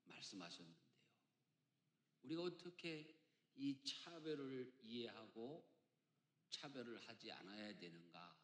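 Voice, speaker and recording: A man in his fifties from Chungcheong, Korea, preaching a sermon as senior pastor, jumping between loud emphatic lines and quiet asides, with folksy jokes. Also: medium pitch, animated, measured pace, pauses often. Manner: emphatic preacher with big swings between loud and soft, joking. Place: church sanctuary. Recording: echoey church hall.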